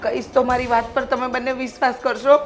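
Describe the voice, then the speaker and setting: A woman's voice: fairly high pitch, little pitch movement, fast, soft background music, natural voice. An older woman playing a scheming widowed mother-in-law who wails and accuses in a family drama. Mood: complaining tearfully. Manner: wailing self-pity, accusing.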